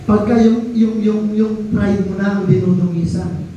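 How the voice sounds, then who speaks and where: A man's voice: high voice, steady tone, unhurried, mellow, highs cut off, a little hiss or hum. A man with a Filipino accent preaching a sermon in a church, mixing Filipino and English and reading scripture aloud. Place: church hall. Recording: echoey hall from far off.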